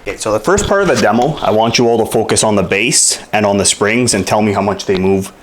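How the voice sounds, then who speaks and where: A man's voice: lowish voice, fast talker. A man casually reviewing a product at home, talking in a blunt, frank and slightly exasperated way. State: out of breath after punching. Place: home room with hardwood floor.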